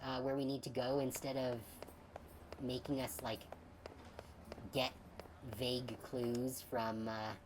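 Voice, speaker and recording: Low-voiced woman streaming a game. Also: flat delivery, takes it slowly, long pauses, noisy background. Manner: casual, mildly wry, talks to herself while playing. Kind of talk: let's play commentary. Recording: game music behind the voice.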